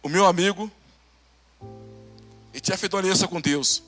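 High-pitched bright-voiced Brazilian pastor. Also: male voice, brisk, soft background music. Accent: Brazilian Portuguese. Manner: animated storytelling, acting out dialogue, swings between loud and hushed. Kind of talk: sermon with testimony.

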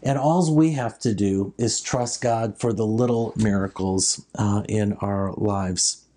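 A preacher speaks in a dark, relaxed voice at a middle pitch. The delivery is that of a sermon that moves between scripture and explanation, restating each idea in several ways. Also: slow pace.

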